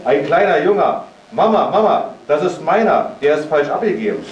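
Man reading as a headstrong little girl, pitched up and eager, far from the mic in an echoing room. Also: big pitch swings, fairly quick, a little mellow, muffled recording, a little hiss or hum. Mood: excited. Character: stubborn excitable little girl. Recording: roomy sound from far off.

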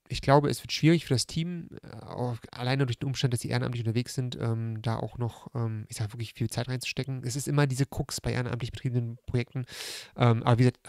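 A man in his thirties hosts a casual livestream in a medium-pitched voice. It sounds squeezed and strangled, kept rather subdued. He speaks close to a desk microphone with very little room sound, reading out comments and replying informally. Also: creaky, a little mellow, no room sound. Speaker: livestream host. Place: room at home by a large window. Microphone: close desk microphone on a stand.

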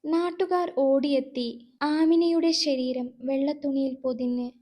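A woman narrates a scripted short story with steady, measured delivery. Her voice sits high for a woman.

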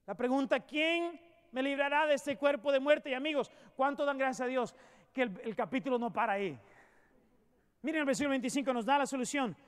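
High-pitched impassioned man preaching. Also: fairly quick, clean tone. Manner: impassioned preaching that swings from loud emphatic peaks to hushed, low storytelling. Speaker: pastor. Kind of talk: sermon. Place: church sanctuary.

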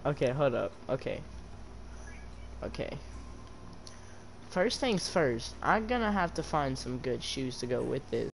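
A man's voice: medium pitch, big pitch swings, a little slow, vocal fry, long pauses, a little hiss or hum. A young man bantering profanely and laughing often while playing a game with a friend. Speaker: gaming vlogger. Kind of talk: casual gaming banter.

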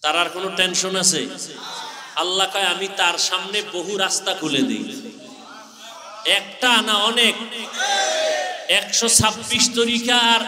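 A Bangladeshi man preaching an Islamic sermon to a congregation, putting rhetorical questions and moving into melodic, drawn-out chant. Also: high voice, a crowd in the background. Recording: echoey PA with long reverb.

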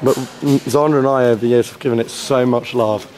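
A young English man giving a deadpan, mock-grand comic tour of old college halls, recorded on a handheld camera. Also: mid-range voice, brisk, long reverb tail, slight background noise. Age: young adult. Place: old stone halls and courtyards, indoors and out.

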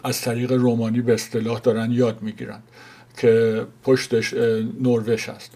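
Older Iranian man, flat halting news commentary. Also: mid-range voice, creaky, slightly rough. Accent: Iranian Persian. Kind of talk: informal news commentary to camera.

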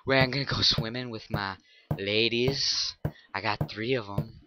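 A young man giving let's play commentary on a horror game, excitable, jumping from mutters to shouts and creepy whispers. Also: on the low side, measured pace, noisy background. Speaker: gameplay commentator.

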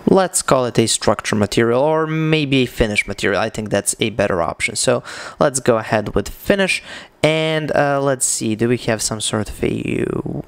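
A young man from Serbia, chatty and casual with frequent fillers, teaching a screen-recorded software tutorial into a studio mic in a small room. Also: mid-range voice, smooth. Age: young adult. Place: small dim room with shutter behind. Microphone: studio condenser mic on boom arm.

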